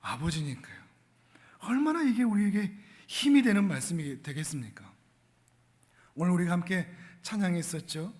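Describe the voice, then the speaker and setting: A man preaching a sermon as pastor, moving from quiet asides to loud, forceful emphasis. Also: high-pitched, sing-song, normal speed, long pauses, in a large hall.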